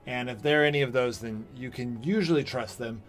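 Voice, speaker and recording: This thirties-aged gaming host speaks a little fast in a mid-range voice, with faint music in the background. Recording from his home setup, he keeps up a casual, playful commentary as he plays.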